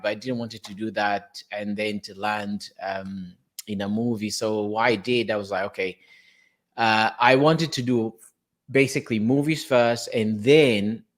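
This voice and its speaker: Man, low-pitched, portuguese accent, young adult, interview guest, restarts often. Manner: fast, self-correcting, frequent restarts. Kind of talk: casual interview.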